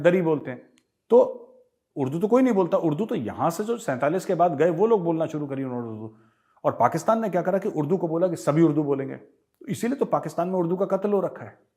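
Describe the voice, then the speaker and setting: A man's voice: fairly high pitch, darkish tone. An emphatic man with an Indian accent, hosting a casual Q&A with viewers and switching between Hindi and English. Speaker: host answering viewer questions. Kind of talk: casual commentary Q&A.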